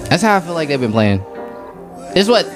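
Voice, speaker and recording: A man's voice: fairly high pitch, brisk, over music. A man in casual chat, joking and bantering with friends. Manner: joking, lively back-and-forth.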